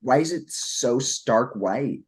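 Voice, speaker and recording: A man co-hosting a casual review chat. His delivery is sassy and campy, in the style of drag-queen banter, at a middling pitch. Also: animated, slow pace, husky. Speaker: podcast co-host reviewing drag looks.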